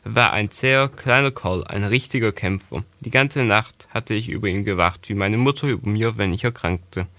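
A man calmly narrating a first-person storybook on a close mic. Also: fairly low pitch, moderate pace, hardly any pauses, no room sound. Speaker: audiobook narrator.

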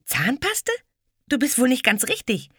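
A woman's voice: wildly swooping pitch, a little slow, bright, forceful tone, slightly rough, no echo, clean studio sound, heavily acted. A woman doing a feisty, cheeky little girl. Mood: scornful. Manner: high, pert and indignant. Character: feisty little girl, proud and quick-tongued.

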